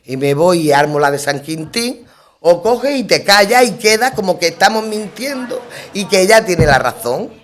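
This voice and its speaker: A woman's voice: lowish voice, moderate pace, slight background noise. A middle-aged woman, a guest on a radio talk show, telling a story in conversation and acting out the lines of the people in it, with frequent restarts and emphatic repeats. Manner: lively storyteller who acts out quoted dialogue; rambling, with restarts and emphatic repetitions. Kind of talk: round-table conversation, anecdote telling.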